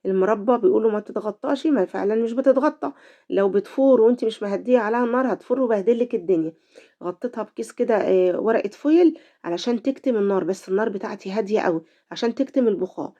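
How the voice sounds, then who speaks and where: Egyptian woman, middle-aged, cooking host with a cold; fast, chatty, mellow tone. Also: mid-range voice, muffled recording. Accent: Egyptian Arabic. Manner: chatty, talks to viewers directly. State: voice affected by a cold. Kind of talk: home cooking tutorial.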